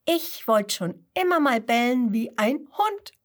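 A cheerful, clumsy kangaroo from a storybook, as a woman reads her, with a high voice. She speaks slowly and playfully, in sing-song rhymes. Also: expressive. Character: cheerful, clumsy female kangaroo, noisy but kind.

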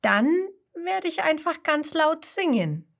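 A cheerful, clumsy kangaroo from a storybook, as a woman reads her, with a high voice. She speaks slowly and playfully, in sing-song rhymes. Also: very animated, vocal fry, full character voice. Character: cheerful, clumsy female kangaroo, noisy but kind.

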